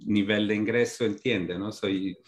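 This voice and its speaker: A middle-aged European man, an academic guest who researches migration, answers interview questions in a fairly low voice with fairly even intonation. Speaking in a language that isn't his first, he explains things slowly and thoughtfully, with many fillers and restarts as he works toward each point.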